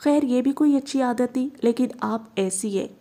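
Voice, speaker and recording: A woman reading the part of a young police officer, speaking calmly, gently and earnestly. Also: on the high side, normal speed. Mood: gentle.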